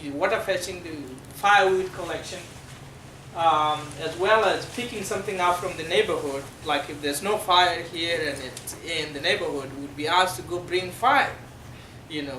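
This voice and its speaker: A middle-aged man from South Sudan with a South Sudanese accent and Dinka as his first language, giving a halting, explanatory classroom presentation full of fillers. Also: on the high side, bright, forceful tone. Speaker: guest speaker. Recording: echoey room from far off, noisy.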